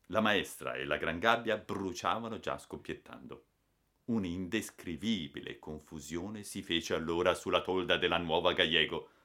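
Brief: male audiobook narrator, lively and dramatic delivery, crisp bright tone. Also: sits low. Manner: vivid, expressive storytelling.

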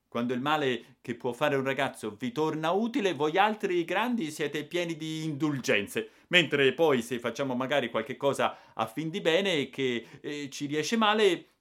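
A man's voice: a little high, fairly bright tone, pitched above the performer's own voice, lightly acted. A man reading aloud and voicing a cheeky young boy who argues back indignantly against the grown-ups. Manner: indignant, pleading tone. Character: cheeky young boy, defiant and self-pitying. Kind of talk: audiobook character voice.

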